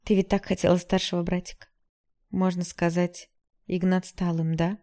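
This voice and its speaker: A woman voicing a forgiving middle-aged mother who speaks softly and tiredly in an audiobook. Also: on the low side, flat delivery, moderate pace, close to an everyday voice. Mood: gentle. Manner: soft, tired, soothing.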